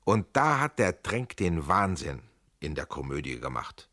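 A man voicing an excitable Sicilian gentleman who talks with indignant fervor. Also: low-pitched, a little slow, dry recording, clean studio sound, exaggerated voice. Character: hot-tempered Sicilian man, voluble.

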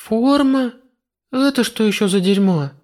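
A man voicing a young woman hero who speaks in shrill, startled outbursts, in a high voice. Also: measured pace, darkish tone. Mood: alarmed.

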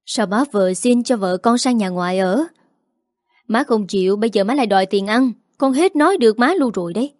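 A weary young husband, torn between wife and mother, answers irritably and tries to soothe, played by a woman reading a story. The voice stays mid-pitched in a dry, close sound. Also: a little fast, a little mellow, no room sound, close to an everyday voice. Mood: strained.

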